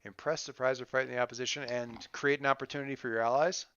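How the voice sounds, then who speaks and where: A man running a tabletop game as game master, narrating off the cuff and thinking aloud in a halting, casual way. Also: medium pitch, steady tone, a bit bright, clean tone, dry recording, dull audio.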